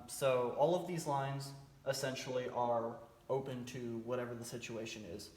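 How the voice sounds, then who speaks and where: A man giving an informal military training briefing, explaining step by step in a plain-spoken, somewhat hesitant way. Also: medium pitch. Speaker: military cadet team instructor. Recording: roomy echo, faint background noise.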